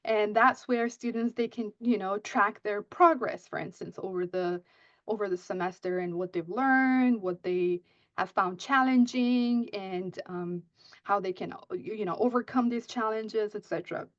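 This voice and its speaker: Speaking unhurriedly in a medium-pitched voice, a writing instructor whose mother tongue is Persian gives a conference talk about teaching writing. She repeatedly asks "right?" and restarts her sentences; the audio is muffled, dry and echo-free.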